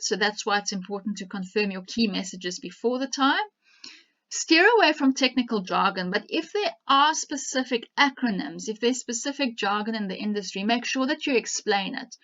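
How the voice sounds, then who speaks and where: A woman's voice: fairly high pitch, fairly bright tone. A woman with a South African accent giving a presentation on media training, talking directly and instructively, with frequent fillers. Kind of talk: presentation talk. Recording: dull lo-fi presentation recording.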